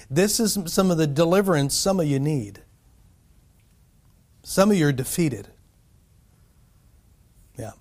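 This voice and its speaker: A man preaching a sermon in a conversational way, often asking "right?" and chuckling between points. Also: fairly high pitch. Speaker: pastor.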